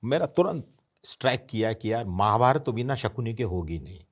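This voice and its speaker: A man's voice: lowish voice, animated, fairly quick. A man in his fifties, an interview guest, telling an anecdote and acting out the voices of the people he quotes. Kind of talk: storytelling anecdote.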